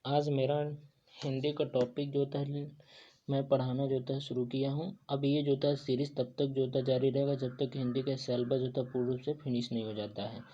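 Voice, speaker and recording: A man's voice: mid-range voice, flat delivery, normal speed, mellow. A young man teaching an exam-prep lesson, talking through a whiteboard and stuffing almost every phrase with habitual fillers. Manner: filler-heavy, repeats "jo tha" and "jo hota hai". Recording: dull lo-fi sound.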